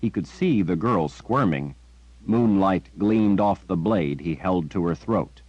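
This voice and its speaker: A male audiobook narrator with a very deep voice, reading in a measured storytelling manner. The recording is dry and close, with a somewhat dull, muffled tone. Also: animated, darkish tone, dry recording. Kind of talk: scripted narration.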